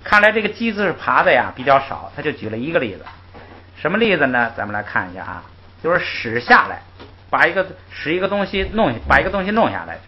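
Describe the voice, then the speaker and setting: A man's voice: fairly high pitch, a little fast. A man teaching a language class, patiently explaining rules and modeling syllables for the class to repeat. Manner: lively, patient, interjects "ai" often, models syllables for repetition. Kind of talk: classroom lecture with call-and-repeat drills. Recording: muffled lo-fi recording.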